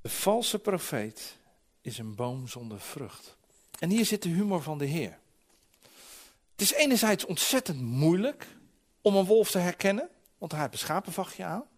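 A man in his forties preaching a sermon, telling stories lively and acting out voices, often restarting his words. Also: sits high, unhurried. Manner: lively storytelling with acted-out voices; frequent restarts and repeated words.

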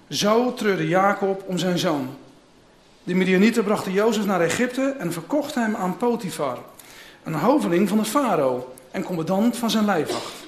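A man preaching, reading a scripture passage aloud and giving dramatic voice to the speakers in it, then starting his sermon. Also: high-pitched. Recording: echoey room.

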